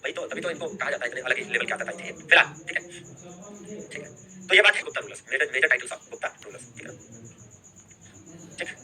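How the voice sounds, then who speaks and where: A young man with a mid-range, sharp-toned voice gives a live online history lecture, talking fast but with long pauses. He repeats key terms and checks in with students after every point.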